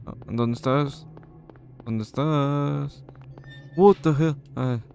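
A young man with a Mexican accent commentates a horror game in a slangy, joking way. His voice is gravelly and his delivery unhurried. Faint game music runs behind him. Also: mid-range voice, a little mellow. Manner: joking, slangy, yelps when scared. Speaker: gaming host. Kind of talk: horror let's-play commentary.

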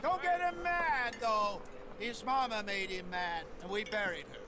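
A man's voice: high-pitched, animated, unhurried, heavy background noise. An actor playing a sly, boisterous saloon huckster with theatrical showman patter in a western video game.

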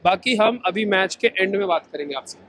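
A man with a notably high voice talks fast and excitedly in a casual vlog. He films himself on an action camera held at arm's length outdoors, with faint noise behind him. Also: poor audio. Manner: chatty, excitable cricket talk. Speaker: vlogger. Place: outdoors in a stadium stand and a street.

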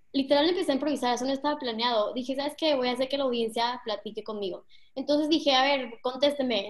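Chatty young Mexican woman coaching. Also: a little high. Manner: chatty, slangy, addresses the audience directly. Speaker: public speaking coach. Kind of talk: casual online workshop talk.

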